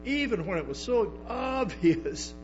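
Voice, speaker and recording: Unhurried and high-pitched, this man's voice swings widely in pitch as he preaches a sermon as pastor. He restarts frequently and tosses in emphatic asides, all on a dull, lo-fi recording with hum and music.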